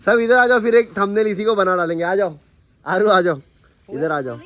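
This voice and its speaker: A man's voice: sits high, normal speed, a bit bright, highs cut off. A man hosting a casual family vlog, chatting and talking to his viewers. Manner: chatty, keeps addressing viewers as guys. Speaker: vlogger host. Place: temples and outdoors on a family outing.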